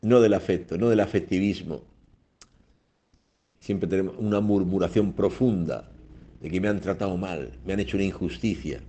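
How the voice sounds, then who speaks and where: A man's voice: low voice, moderate pace, mellow. A man preaching a sermon on the radio, emphatic, with repeated phrases and rhetorical questions.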